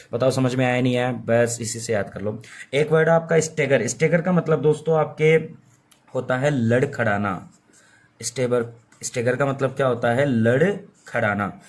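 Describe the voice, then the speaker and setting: A young vocabulary teacher with a middle-pitched, darkish voice gives a chatty, informal Hindi-medium lesson on English words. He drills each meaning repeatedly, asks his students questions and answers them himself, and uses playful mnemonics.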